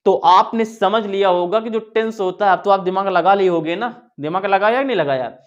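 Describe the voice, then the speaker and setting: A man with a high voice explains a lesson at normal speed in a casual, chatty classroom style, asking and answering his own questions and saying "yaar" again and again. The recording's highs are cut off.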